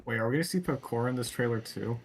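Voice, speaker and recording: A man chatting casually as a co-host on a reaction stream, tossing in quick asides and questions. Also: medium pitch, vocal fry, a little hiss or hum.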